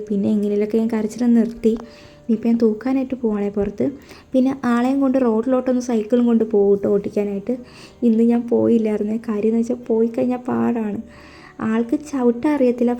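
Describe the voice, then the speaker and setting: A woman's voice: a little high, mellow. A young woman from Kerala, a stay-at-home mother, chatting casually over her daily routine, homely and friendly. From Kerala, India. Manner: chatty, homely, with frequent friendly tag words.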